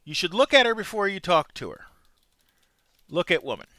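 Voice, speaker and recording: A man's voice: high voice, big pitch swings, normal speed, bright, forceful tone, dry recording. A man playing a video game, reading its text aloud and adding casual muttered asides. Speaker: gameplay commentator.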